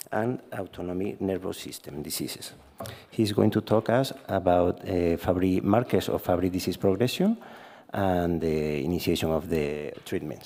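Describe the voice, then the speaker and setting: A man with Spanish as his first language chairs a conference session, introducing the speaker in a halting way with "eh" fillers. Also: sits low, dark tone. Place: conference hall. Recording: reverberant conference hall.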